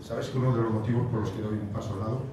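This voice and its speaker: A man's voice: fairly low pitch, steady tone, racing, distant mic. Emotional man speaking in an echoey hall. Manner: emotional, heartfelt, with repeated phrases and asides. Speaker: federation president giving a farewell speech. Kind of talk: formal farewell speech at a podium. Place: large stone-walled banquet hall. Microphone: podium microphone, recorded by a far camera. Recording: echoey hall recorded from afar, noisy.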